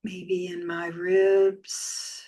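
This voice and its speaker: Leading a guided meditation, a woman yoga teacher keeps her low voice nearly flat in pitch. Her words come softly and soothingly, separated by long, leisurely pauses.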